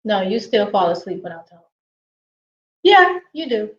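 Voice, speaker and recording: A woman's voice: medium pitch, very animated, a little slow. Blunt, teasing woman in echoey room. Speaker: co-host. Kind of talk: casual couple chat. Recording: echoey room, dull lo-fi sound.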